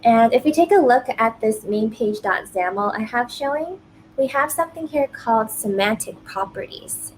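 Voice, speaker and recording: A woman presenting a software demo, explaining each step clearly. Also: medium pitch, slight background noise, rough recording.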